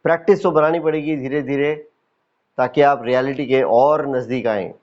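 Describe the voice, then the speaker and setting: Leading yoga nidra, an Indian-accented man instructs calmly, repeating himself and pausing deliberately as a teacher would. The audio is dull, and his voice sits mid-range.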